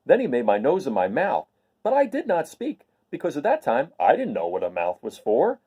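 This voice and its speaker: A man's voice: medium pitch, huge pitch swings, moderate pace, mellow, slightly rough. A man voicing a naive, earnest and cheerful scarecrow stuffed with straw in a storybook reading. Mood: wistful, eager. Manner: earnest, artless, wondering.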